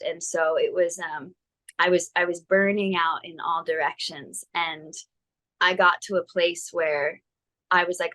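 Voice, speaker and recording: Woman guest on a video call, slightly low voice, reflective, measured, pausing to find words. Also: fairly bright tone, rough recording. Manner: thoughtful, measured, some hesitations. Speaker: yoga teacher guest. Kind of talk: reflective personal interview.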